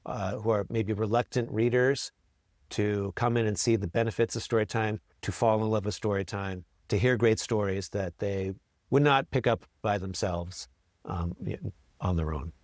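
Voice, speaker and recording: Male school librarian in an interview, friendly and a bit halting, dry close sound. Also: fairly low pitch, a little mellow, no echo. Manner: friendly, pauses with ums and repeated words. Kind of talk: interview answers.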